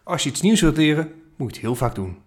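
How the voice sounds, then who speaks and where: A man's voice: a little high, lively intonation, quick pace, pitched above the performer's own voice, natural voice. A man voicing a friendly, curious round blue alien mascot in a children's storybook podcast, helpful and encouraging.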